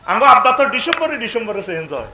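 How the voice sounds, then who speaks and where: Shouting animated preacher, echoey. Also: male voice, very high voice, fast talker, slight background noise. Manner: animated, shouting to the crowd, chanting Arabic. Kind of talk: sermon.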